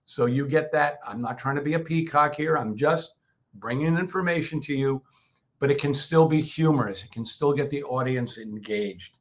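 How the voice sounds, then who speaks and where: A man's voice: mid-range voice, normal speed. A man hosting a public speaking session, teaching in a loose, conversational way full of restarts and fillers. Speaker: co-host of a speaking workshop. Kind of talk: casual instructional talk.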